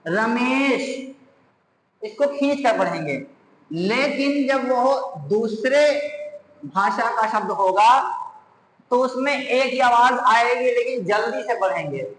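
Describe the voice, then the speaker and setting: A man's voice: extremely high pitch, lively intonation, slow pace, long pauses, a bit bright. A man teaching an English grammar lesson, explaining patiently and spelling words out letter by letter. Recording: echoey room with long reverb.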